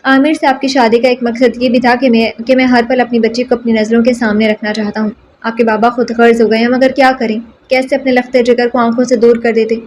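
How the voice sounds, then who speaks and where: Woman narrator voices a gentle, doting middle-aged father in a storybook reading, soft and consoling. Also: fairly high pitch, flat delivery, hardly any pauses, slight background noise, close to an everyday voice. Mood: tender.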